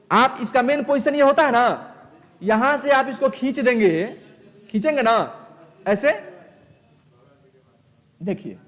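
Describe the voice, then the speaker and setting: High-voiced man teaching in a reverberant hall. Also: a bit bright. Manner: explains step by step with repeated check questions. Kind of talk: live online lesson.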